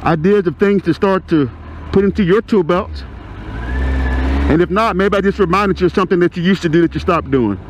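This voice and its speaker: A man's voice: high voice, fairly quick, rough recording. A middle-aged man with a Texan accent, a motorcycle riding instructor talking riders through traffic casually as he rides. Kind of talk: ride-along instruction vlog.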